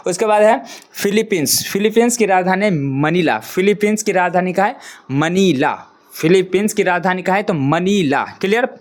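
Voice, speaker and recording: A male teacher giving an exam-prep geography lesson, repeating each answer again and again and checking in with "theek hai" after almost every line. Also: high-pitched. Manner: repetitive, drills answers with frequent "theek hai"; addresses viewers as friends, motivational sign-off.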